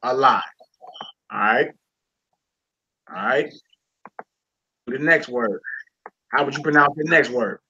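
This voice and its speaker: A man's voice: medium pitch, slow, long pauses, pushed and bright, lo-fi sound, slight background noise. A man teaching a Hebrew reading lesson, encouraging his student and repeating words and phrases.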